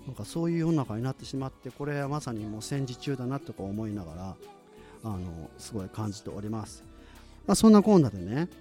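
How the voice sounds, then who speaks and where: A man hosting a casual, rambling talk on voice training, humming and singing syllables to show how it is done. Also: mid-range voice. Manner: rambling, animated, hums and sings syllables to demonstrate. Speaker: voice training host. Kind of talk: casual monologue with vocal demonstrations.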